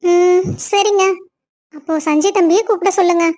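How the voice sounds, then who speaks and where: High-voiced woman voicing cartoon story women. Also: steady tone, moderate pace, darkish tone.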